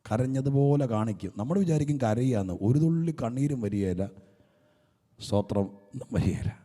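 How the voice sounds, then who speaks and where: A man preaching a Pentecostal sermon, moving between hushed asides and shouted peaks and repeating phrases back to his congregation. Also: medium pitch. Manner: call-and-response, swings from hushed to shouting. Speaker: pastor. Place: church hall. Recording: reverberant church hall.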